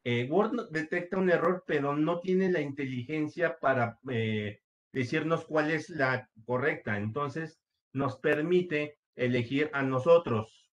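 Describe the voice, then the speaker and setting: A man's voice: fairly high pitch, unhurried, dull audio. A man teaching a computer class, walking students through each step patiently with frequent fillers. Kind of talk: screen-share computer lesson.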